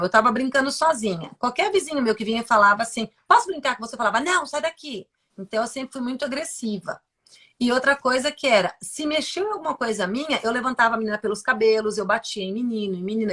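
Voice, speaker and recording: Speaking with a Brazilian Portuguese accent, this guest neuroscientist shares her own life story openly and forcefully on a live stream, using lots of fillers and repetition. Her voice is medium-pitched and a bit bright.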